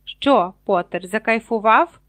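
A woman's voice: fairly high pitch, measured pace, fairly bright tone, no echo, clean studio sound. A woman reading the lines of an arrogant, sneering boy bully in a mocking, drawling manner.

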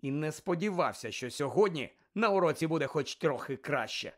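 A man narrating an audiobook with lively, expressive delivery. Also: on the high side, brisk.

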